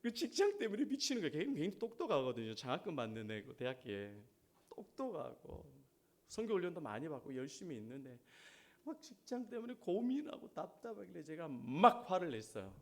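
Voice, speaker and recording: Male pastor, middle-aged, sermon, high-pitched, very lively pitch, questions to the congregation. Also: a little fast.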